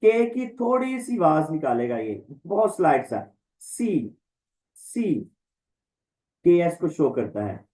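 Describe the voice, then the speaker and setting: Male teacher, online class, slow deliberate drilling, somewhat high-pitched. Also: very animated, dark tone, low-quality recording. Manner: slow, repetitive recitation, drawing out letter names. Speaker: Greek teacher.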